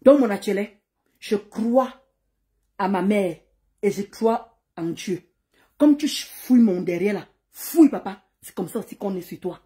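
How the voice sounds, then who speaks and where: A woman's voice: medium pitch, animated, measured pace, warm tone. A woman on a live stream, ranting and taunting someone with insults, repeating words as she goes. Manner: insulting, taunting, swings to laughing greetings. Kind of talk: heated live-stream rant.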